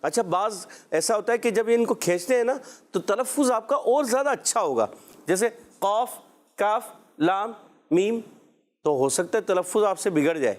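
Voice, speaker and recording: A man's voice: high voice, lively intonation. A man teaching children Quran letter pronunciation, patient and encouraging, drawing out each letter sound for them to repeat.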